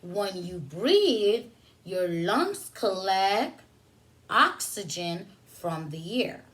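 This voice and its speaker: Very animated and medium in pitch, a woman reads aloud to a group of young children during story time. As their preschool teacher, she explains the story, asks simple questions, and waits for them to respond.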